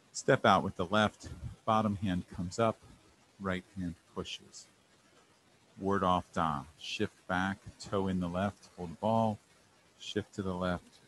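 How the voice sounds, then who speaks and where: Low-voiced man calmly cueing tai chi moves. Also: slight background noise, low-quality recording. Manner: short clipped instructional phrases in a calm, measured delivery. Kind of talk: calling out tai chi movement cues step by step.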